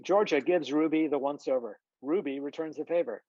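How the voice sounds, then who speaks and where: A narrator reads scripted stage directions at a table read over a video call, in a mid-range, slightly mellow voice at a fairly quick clip. There's no room sound, but the video-call audio comes across muffled and dull.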